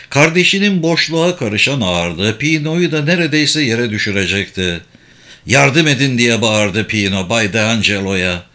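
A man narrating an audiobook in an animated, expressive way. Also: mid-range voice. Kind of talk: scripted narration.

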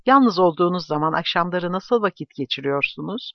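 A man's voice: sits high, lively intonation, a little fast, vocal fry, dry recording, highs cut off. A man voicing an eager, admiring young man in an audiobook.

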